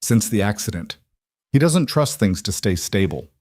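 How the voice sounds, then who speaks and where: A man reading the lines of a calm, reserved wealthy single father in a narrated story, in a measured tone. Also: fairly low pitch, no echo, clean studio sound. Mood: pensive.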